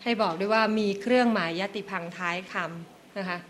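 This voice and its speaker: A woman lecturer walks a meeting through guidelines, one point at a time. Her voice sits at a middle pitch, and she keeps a courteous, careful tone. Faint background noise runs underneath. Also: fairly quick, a bit bright. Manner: careful, polite, step-by-step explaining. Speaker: invited lecturer. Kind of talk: explaining reading guidelines at a meeting.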